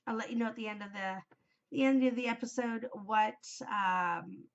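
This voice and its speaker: In a casual solo chat, a woman hosting a knitting podcast rambles with plenty of ums, sounding stuffed up and worn from a cold. Her voice is fairly high, her pace moderate, and the audio dull.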